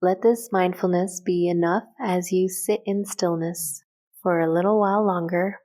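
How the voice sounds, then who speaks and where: This guided meditation is led by a woman whose voice sits slightly low. Never hurried, she speaks gently and calmly, giving quiet instructions in short, even phrases.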